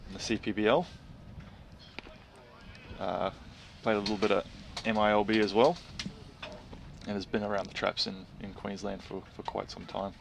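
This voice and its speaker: Man, colour commentator, low creaky voice, halting conversational baseball analysis, faint background noise. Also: flat delivery. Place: outdoor baseball stadium broadcast. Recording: background ambient noise at ballpark.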